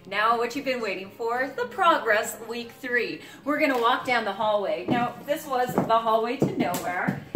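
A realtor in her forties hosts a home renovation series, presenting to camera from a house under construction. Her scripted delivery is clear and upbeat, in a fairly high pitch.

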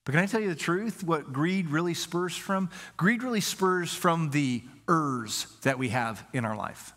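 A man's voice: on the high side, lively intonation, a little slow, fairly bright tone. A man preaching a sermon as pastor, earnest and repetitive, asking the congregation rhetorical questions. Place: church sanctuary.

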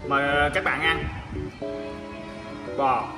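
A man's voice: a little high, fairly even intonation, takes it slowly. A young man with a southern Vietnamese accent bantering casually as a food vlogger at a restaurant table. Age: young adult. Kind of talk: casual banter over a meal. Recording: echoey restaurant room with music.

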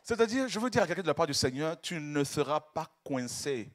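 A man preaching an ecstatic sermon, swinging from hushed murmurs to shouted cries, repeating and stumbling over words in his fervor. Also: a little high, animated, fairly quick.

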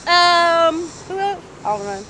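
A middle-aged woman chatting candidly in a street interview, animated and talkative, in an outdoor parking lot. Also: extremely high pitch, takes it slowly, rough recording. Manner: animated, chatty, acts out quoted voices. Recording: street noise in the background.

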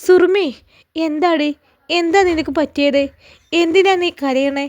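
A woman voicing a gentle sister-in-law who asks concerned questions. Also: very high-pitched, a little slow, no room sound, lo-fi sound.

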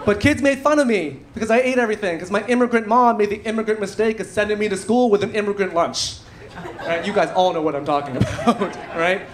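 A Canadian stand-up comedian in his thirties works a theatre stage with a handheld mic, talking fast in a high voice. His delivery is punchy, with dry asides. The live club-style recording picks up audience noise and laughter.

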